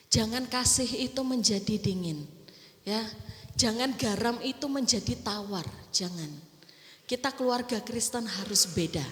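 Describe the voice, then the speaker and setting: Middle-aged woman preacher, high voice, chatty, acts out quotes; roomy church reverb. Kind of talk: sermon. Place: church hall. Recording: echoey church hall with long reverb.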